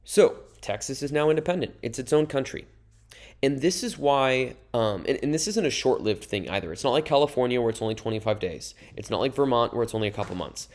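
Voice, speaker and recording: A young man with a medium-pitched voice talks a little fast through a recorded history lecture over slides. His explanations are casual and conversational, with asides to his students.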